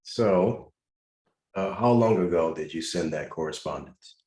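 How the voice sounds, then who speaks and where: A man with a very low, deep voice hosts a live video-call class and fields questions from callers. He speaks in an instructive way and drives his points home through repetition. The sound is roomy, with a noticeable echo around him. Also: unhurried, warm tone. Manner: instructive, repeats advice with emphasis. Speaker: host answering caller questions.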